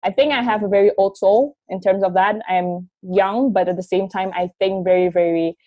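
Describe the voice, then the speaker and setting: A woman's voice: medium pitch, steady tone, moderate pace, no echo, dull audio. A 21-year-old woman from Indonesia, born in Taiwan, telling her story in a chatty interview and leaning on filler words. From grew up in Indonesia, born in Taiwan. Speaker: interview guest, marketing graduate.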